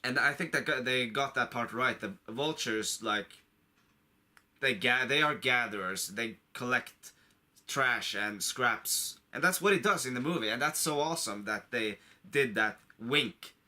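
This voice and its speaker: A man's voice: medium pitch, a little slow, pushed and bright. A man getting over a cold gives a casual, unscripted movie review to camera, an enthusiastic fan who rambles and repeats himself. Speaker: online video creator reviewing a film.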